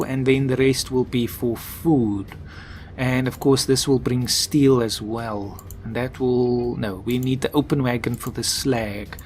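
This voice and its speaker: Man, let's play commentary, thinking aloud, mid-pitched voice, faint game music behind. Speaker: gameplay commentator.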